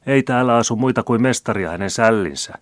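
A man's voice: medium pitch, no echo, clean studio sound, pitched above the performer's own voice, natural voice. A man reading aloud and voicing a pert young maidservant who mocks and teases. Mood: cheeky. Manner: pert, mocking. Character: cheeky young maidservant, woman.

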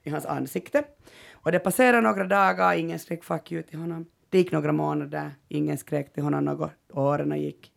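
A Finland-Swedish woman hosting a podcast, telling a story in a lively way and acting out what people said. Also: sits low, vocal fry. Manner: lively storyteller, retells scenes with animated quoted outbursts. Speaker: podcast host. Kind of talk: casual chat.

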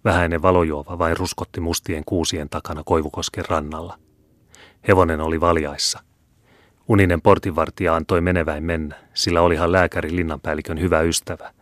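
A man reading an audiobook in a steady, measured narrating voice. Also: deep voice, no echo, clean studio sound. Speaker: audiobook reader.

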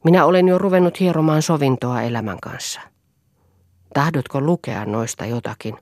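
A woman's voice: low voice, a little mellow, no echo, clean studio sound, natural voice. A woman voicing a brooding, bitter male writer who speaks in a confiding, world-weary way.

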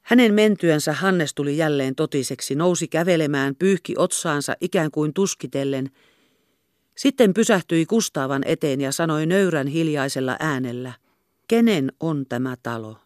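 A woman reading a classic novel aloud in steady, measured audiobook narration. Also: low-pitched, no room sound, clean studio sound. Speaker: audiobook reader. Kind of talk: scripted narration.

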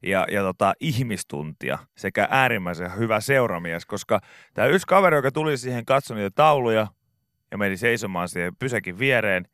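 A man's voice: on the low side, lively intonation, fairly bright tone, no room sound. A male morning radio host casually telling an anecdote in a rambling way, with many fillers, on a studio microphone. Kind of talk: casual studio chat, storytelling.

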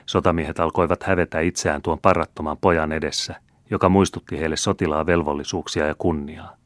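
A man narrates a classic novel as an audiobook, measured and even in his storytelling. His voice sits very low, and the recording is dry and close, with no room sound. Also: no echo. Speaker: audiobook reader.

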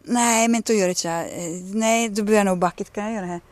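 A woman in her fifties recounts episodes from her own life in an easy conversational way. She slips into the voices of the people she quotes and keeps her telling animated. Her voice sits at an ordinary middle pitch for a woman. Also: no room sound. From Ostrobothnia, Finland. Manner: animated, acts out quoted dialogue. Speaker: interviewee. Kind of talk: personal storytelling in a radio conversation.

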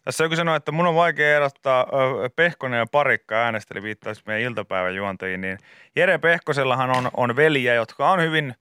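A male radio host with a bright, forceful voice that comes through crisp and resonant. He banters casually and animatedly in a studio, with a dry, close sound. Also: medium pitch, no room sound. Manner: animated storytelling, playful anecdotes with acted quotes. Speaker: radio morning show host.

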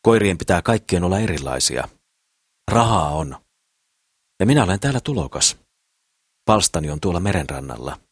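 A man voicing a cheerful, eager young businessman in an audiobook, speaking in an excited, pleading way. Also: low voice, long pauses, slightly rough, dry recording, clean studio sound, heavily acted. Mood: enthusiastic.

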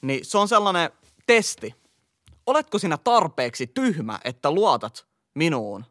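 In a dry, clean studio recording, this Finnish man from eastern Helsinki uses local slang as he co-hosts a podcast. He lectures emphatically while giving advice in a casual chat, his fairly high, sharp voice swinging widely in pitch.

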